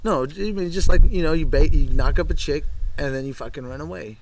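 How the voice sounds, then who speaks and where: A man's voice: a little high, quick pace, crowd noise. A man in his early thirties, a podcast guest, talking crudely and swearing heavily in casual chat. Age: 30s. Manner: crude, boastful, heavy swearing. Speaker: podcast guest, film director. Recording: noisy podcast recording.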